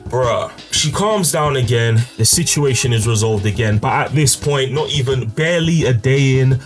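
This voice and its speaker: A young man casually retelling a personal story, full of slang and fillers. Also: medium pitch. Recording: faint music behind. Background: faint background music.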